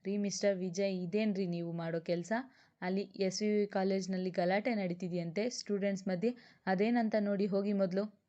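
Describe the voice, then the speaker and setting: A woman's voice: mid-range voice, steady tone, moderate pace, dark tone, lightly acted. A woman reading a brusque senior male police officer who scolds his subordinate, on a dull lo-fi recording. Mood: curt. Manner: brusque and reprimanding.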